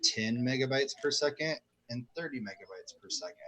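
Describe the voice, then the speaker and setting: A man co-hosting a casual livestream chat over a video call. He talks excitedly and explains gear in long, rambling runs. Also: medium pitch, a little fast, poor audio. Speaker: show co-host.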